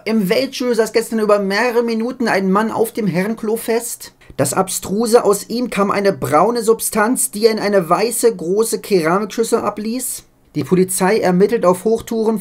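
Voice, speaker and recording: Young male, parody news anchor, deadpan scripted read. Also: high voice. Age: young adult.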